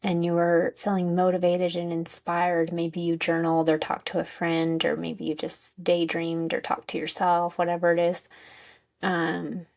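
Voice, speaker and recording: Creaky-voiced woman coaching casually. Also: on the low side, monotone, unhurried, darkish tone, no room sound. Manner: tentative, informal, searching for words. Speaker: wellness coach and host. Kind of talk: casual guided self-help talk.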